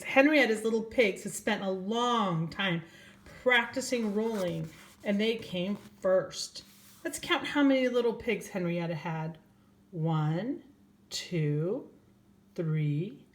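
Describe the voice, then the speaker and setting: A grandmother reads a storybook aloud in a medium-pitched voice, with a little hiss or hum in the recording. The older woman goes slowly, talking to young children directly and asking them questions.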